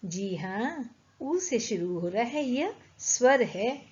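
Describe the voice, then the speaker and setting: A woman teaching young children to read, saying each word slowly and carefully and repeating it. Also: a little high, animated, darkish tone. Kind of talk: children's Hindi reading lesson. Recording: dull lo-fi recording.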